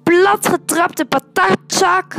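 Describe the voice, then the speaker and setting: A woman voicing a grumpy, foul-mouthed uncle who shouts crude insults in a storybook reading. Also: mid-range voice, steady tone, slow pace, slightly rough, faint music behind. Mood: furious shouting.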